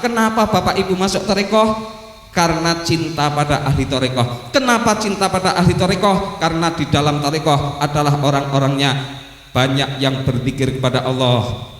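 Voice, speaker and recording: A man with a Javanese Indonesian accent preaching a sermon, telling a story and acting out its voices with big jumps in pitch. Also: a bit bright. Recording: echoey hall, heavy reverb.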